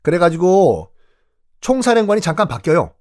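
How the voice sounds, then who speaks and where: A man lectures on history with comic flair and keeps throwing rhetorical questions at the listener. His voice sits fairly high and swings widely in pitch. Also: big pitch swings, normal speed, a little mellow. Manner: playful, theatrical, asks rhetorical questions.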